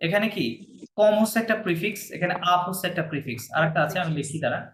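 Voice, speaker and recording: A man's voice: high voice, lively intonation, very fast, a bit bright. A man teaching a language class, patiently repeating words for his students to copy. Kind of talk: classroom lesson. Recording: echoey room, faint hiss.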